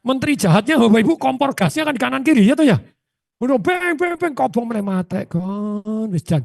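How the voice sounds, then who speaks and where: Gravelly, animated seminar speaker. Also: male voice, very high voice, a little fast, dry recording, clean studio sound. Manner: animated, with frequent rhetorical questions to the audience. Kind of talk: motivational seminar talk.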